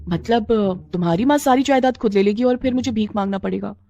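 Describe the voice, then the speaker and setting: A woman's voice: fairly high pitch, fast, creaky, warm tone, muffled recording. A woman doing a scheming young cartoon wife.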